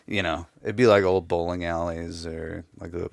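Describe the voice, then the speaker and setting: A man's voice: low voice, level tone, measured pace, vocal fry, no room sound. A man in casual podcast chat, easygoing and laughing often into a close mic.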